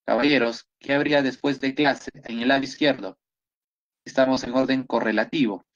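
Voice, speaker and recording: A man's voice: mid-range voice, fairly even intonation, normal speed, muffled recording. A man with a Peruvian Spanish accent teaching an online biology class, going over exam questions and praising his students often. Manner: encouraging, repeats praise often.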